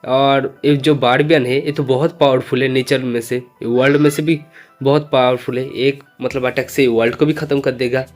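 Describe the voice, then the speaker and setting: A man's voice: mid-range voice, flat delivery, normal speed, darkish tone, soft background music. A man narrating a comic recap in a loose, slangy conversational way, speaking every character's lines himself. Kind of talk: casual storytelling recap, voicing all characters himself.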